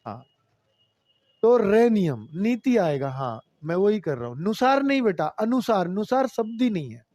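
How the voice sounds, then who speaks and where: A man's voice: sits high, big pitch swings, measured pace, darkish tone, dry recording. A man teaching Hindi grammar in a live online class, patiently repeating rules and addressing students as children.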